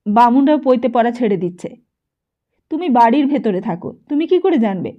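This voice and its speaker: A woman's voice: fairly high pitch, moderate pace, lightly acted. Curt, hot-headed young son, voiced by a woman narrator; snappy retorts, dull lo-fi audio. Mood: angry. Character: irritable young man, short-tempered son.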